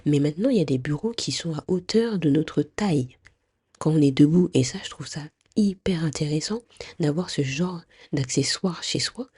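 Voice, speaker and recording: A podcast host speaks straight to the listener in a casual advice monologue, stuffy-nosed and full of fillers and restarts. Her low, expressive voice is mellow with a breathy edge at a normal speed, in a dry, studio-quality recording.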